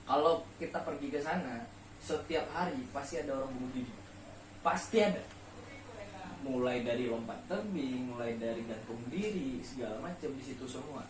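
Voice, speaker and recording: Speaking in a mid-range voice at a moderate clip, a man leads a late-night discussion show with a relaxed, explanatory chat about faith and life. He leans on rhetorical questions and repeats important words to stress them. A distant mic captures echo and a little noise.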